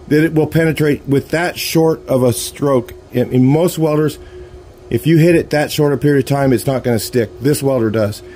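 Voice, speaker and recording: This middle-aged man teaches welding in his garage, running a relaxed, plainspoken hands-on lesson outdoors on a driveway while he works. He has a mid-range voice, filmed first-person through the camera's built-in mic, which adds a little hiss or hum.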